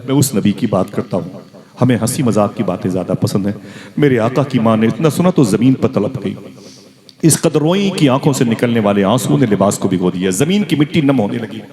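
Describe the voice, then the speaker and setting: A man's voice: lowish voice, expressive, a little fast. A male preacher telling a religious story dramatically in a sermon, calling on the gathering to respond. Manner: dramatic, calls for crowd responses. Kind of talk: emotional Islamic sermon storytelling. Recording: crowd noise at a live gathering.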